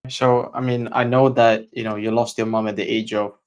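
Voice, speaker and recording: A man's voice: mid-range voice, level tone, normal speed, smooth, dull audio. A man interviewing a guest in an informal, conversational way. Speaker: podcast interviewer.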